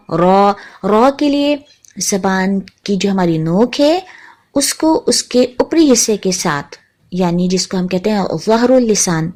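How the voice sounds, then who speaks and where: A woman teaching a tajweed lesson, patiently naming letters one by one and repeating each sound slowly. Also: on the high side, darkish tone. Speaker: Quran recitation teacher.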